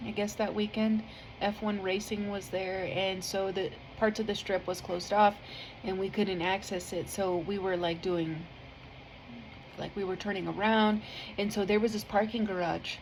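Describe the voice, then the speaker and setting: A woman's voice: mid-range voice, fairly even intonation, moderate pace, slight background noise, poor audio. A woman with a family, giving a casual spoken testimony about her faith in an earnest, rambling way, full of fillers and easily moved to tears. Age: adult with a family. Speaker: vlogger sharing a faith testimony.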